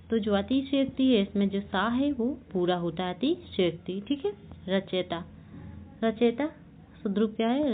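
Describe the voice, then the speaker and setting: Woman teaching over tinny audio. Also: medium pitch. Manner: drills words slowly, repeats each twice; checks with short questions, often says "theek hai". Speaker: Hindi teacher. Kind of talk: online exam-prep class. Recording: tinny phone-like audio, faint hiss.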